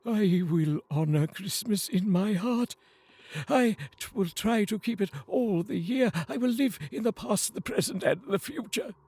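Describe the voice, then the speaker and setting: A man voicing Scrooge as a terrified old miser, pleading desperately in an audiobook reading, with a husky voice. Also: sits high, unhurried, a little mellow, dry recording, pitched above the performer's own voice, heavily acted.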